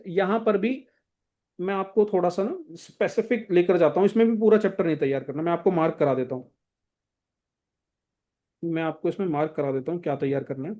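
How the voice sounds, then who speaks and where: A man's voice: high-pitched, fairly even intonation, moderate pace, mellow. A young man coaching students for an exam, going through textbook chapters in a casual, directive way and often checking in with his listeners. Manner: casual, directive, repeats "thik hai" to check in. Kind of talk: exam-prep lesson walking through a textbook.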